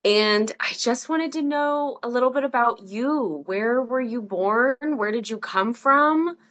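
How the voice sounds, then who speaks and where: A woman's voice: a little high, unhurried, a bit bright. A woman hosting, graciously thanking her guest and asking questions. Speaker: host. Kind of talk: interview questions.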